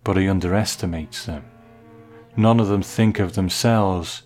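A man hosting a review, giving semi-scripted commentary in a measured, conversational, reflective way. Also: deep voice, darkish tone, soft background music. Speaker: host of a TV episode review.

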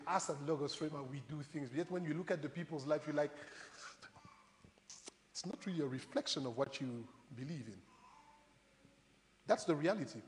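Preaching in a notably high voice, a man delivers an animated sermon, acting out Bible stories and speaking conversationally to the congregation. He addresses them directly with rhetorical questions, while long reverb from a large hall trails his words.

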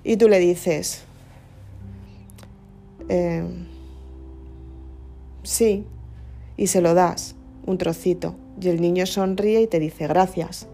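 A woman's voice: fairly low pitch, fairly even intonation, a little slow, warm tone, soft background music. Earnest Spanish woman musing aloud. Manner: earnest, questioning, restarts words. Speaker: speaker giving personal reflections. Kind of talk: reflective casual monologue.

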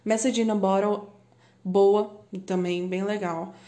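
A young woman with a Brazilian accent, chatting excitedly about music on her podcast, swearing and laughing often. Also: mid-range voice, slow. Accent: Brazilian Portuguese. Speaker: podcast host. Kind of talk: casual chat about music.

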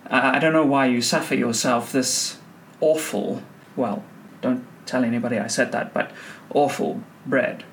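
A game master voices a suave thieves' boss in a tabletop game, sly and courteous, with measured, teasing orders. There is faint noise behind the voice. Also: mid-range voice, close to an everyday voice. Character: suave, amused male underworld boss giving orders.

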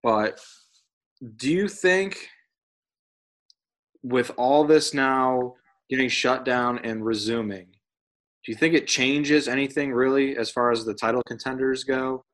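Dude hosting a sports podcast, medium voice, keeps the topics moving. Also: male voice, mid-range voice, fairly even intonation, normal speed, fairly bright tone. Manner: steers topics, asks questions. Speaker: podcast host. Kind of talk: casual sports chat.

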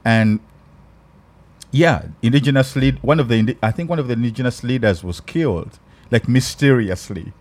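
A Ugandan man hosting a podcast in casual chat, thoughtful and halting, with many restarts. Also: medium pitch, darkish tone. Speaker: podcast host.

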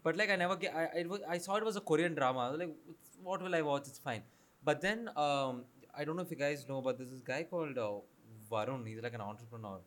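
Emphatic young South Indian man, slightly high voice. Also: fast talker, hardly any pauses, a bit bright. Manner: emphatic, repeats phrases, swears freely. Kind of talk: casual group chat.

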